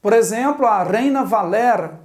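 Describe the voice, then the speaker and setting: A woman's voice: a little high, expressive, moderate pace, a little mellow. A woman teaching a Biblical Hebrew grammar lesson at a chalkboard, methodically spelling out letters and vowels one by one. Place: classroom with a chalkboard.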